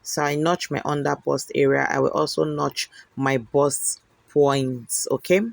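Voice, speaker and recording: A man's voice: medium pitch, level tone, a little slow, creaky, no room sound. A man explaining how to cut and notch fabric pieces in a sewing tutorial. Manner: instructive, checks in with "okay?". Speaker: sewing instructor.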